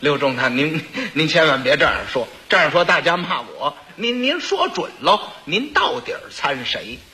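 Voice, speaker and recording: A man's voice: on the high side, big pitch swings, moderate pace, sharp tone. A man voicing a scheming court minister who protests in a wheedling, stammering way. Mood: sly.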